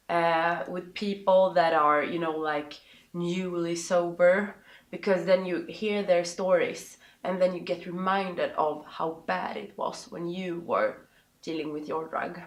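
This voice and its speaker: Woman, Swedish accent, native Swedish speaker, slow pace, halting interview answers with searching pauses, roomy echo. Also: lowish voice. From Sweden. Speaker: interview guest. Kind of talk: interview answers, personal advice. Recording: roomy, echoing sound.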